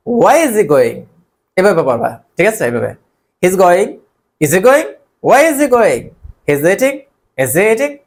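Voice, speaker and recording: A teacher leads a recorded online lesson, and the pitch swings widely and animatedly. Short phrases are repeated in drill fashion, with frequent quick "okay?" checks to the learner.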